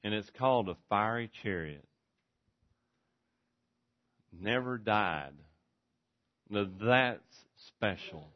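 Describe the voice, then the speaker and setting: A man preaching a sermon in an earnest manner, swinging between forceful and hushed delivery. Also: on the low side, animated, slow pace, pauses often. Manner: earnest, varies volume widely, from forceful to hushed. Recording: dull lo-fi recording.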